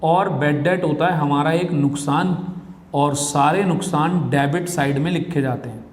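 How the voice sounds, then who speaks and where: Lecturing his commerce class at an unhurried pace, this man with a slightly high voice calls his students "beta" and puts questions to the class. The room is echoey, with long reverb.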